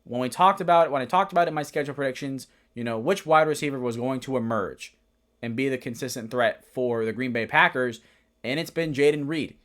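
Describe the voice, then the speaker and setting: A man's voice: mid-range voice, a little fast, fairly bright tone. A young man hosting a casual solo football recap, rambling, correcting himself and giving blunt opinions. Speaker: sports podcast host.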